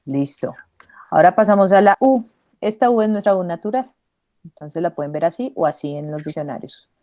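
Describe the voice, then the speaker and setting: A woman's voice: on the low side, lively intonation, warm tone, no echo. A Spanish-speaking woman teaching an English pronunciation class, patiently modelling vowel sounds and switching between English and Spanish. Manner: patient, models sounds slowly and repeats them.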